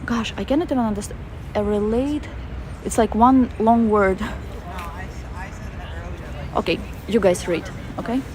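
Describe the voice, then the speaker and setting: A Russian-accented woman walks through a city park on a phone livestream, chatting casually and reading viewer comments aloud with fillers. Her mid-range voice moves at a measured pace with long pauses, over a noisy background.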